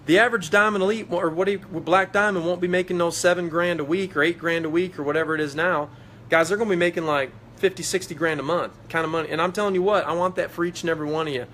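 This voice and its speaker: A man's voice: on the high side, fairly even intonation, quick pace, fairly bright tone, a little hiss or hum. A man giving a fired-up motivational talk on a live video stream, preachy and repetitive as he urges his team on. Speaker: network marketing leader.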